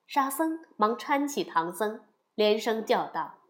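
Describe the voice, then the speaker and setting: Woman storyteller, animated pitch, slow pace, children's story narration.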